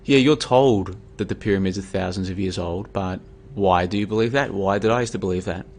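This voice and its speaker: A tired Australian man talks through a casual, argumentative monologue on his own livestream, with plenty of fillers and restarts. His voice sits fairly low. A faint hiss runs under the recording. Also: fairly quick, a little mellow. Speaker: livestream host. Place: home room.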